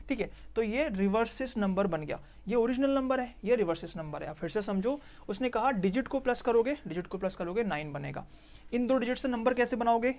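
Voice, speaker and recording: A man teaching a math lesson, explaining each step slowly and repeating key points, with English math terms mixed in. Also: sits high. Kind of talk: board-work math lesson.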